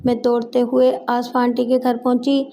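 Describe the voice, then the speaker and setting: A woman reading a first-person story aloud as scripted narration, in a steady, unhurried way. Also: fairly high pitch. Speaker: voice-over storyteller.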